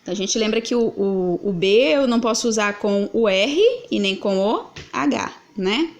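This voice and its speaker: A woman's voice: medium pitch, moderate pace. A woman explaining grammar answers as a teacher, patiently asking questions and answering them herself. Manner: patient, asks and answers her own questions. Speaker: Portuguese teacher.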